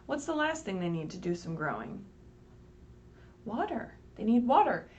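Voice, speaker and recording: This story-time reader's medium-pitched voice swings hugely in pitch, with a darkish tone and normal speed. She reads a picture book to young children in a sing-song way, explaining simply and patiently, asking frequent questions and saying "right?". The livestream audio is dull, from a distant mic with faint background noise.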